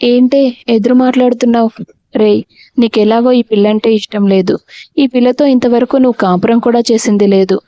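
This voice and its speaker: A woman's voice: a little high, steady tone, normal speed, no echo, natural voice. A woman reading as a harsh scolding mother-in-law. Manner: scolding, shouting insults. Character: greedy, harsh middle-aged mother-in-law. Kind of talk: audio storybook reading. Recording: dull, dry lo-fi recording.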